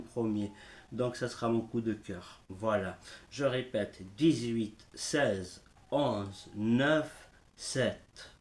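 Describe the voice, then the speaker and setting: A man giving horse racing betting tips in a casual live stream, speaking haltingly and filling pauses with the same word. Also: on the low side, a little mellow. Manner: slow, halting, repeats "voilà" often. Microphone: smartphone.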